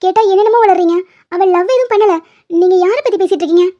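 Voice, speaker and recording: A woman voicing a sassy young female college student with a sarcastic, sharp-tongued manner. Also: very high-pitched, quick pace, highs cut off. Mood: pleading.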